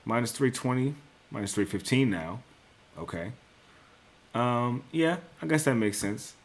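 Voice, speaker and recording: A man's voice: medium pitch, expressive, unhurried. A young man hosting a casual solo talk on sports picks, thinking aloud, correcting himself and swearing now and then. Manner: casual, swears, says bro and dude. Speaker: sports betting picks host.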